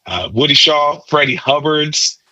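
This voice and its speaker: Speaking at a measured pace, this trumpeter explains jazz tone and technique on a podcast in a teacherly manner, repeating words to stress them. His voice is on the high side, expressive, bright and forceful, though the audio is poor.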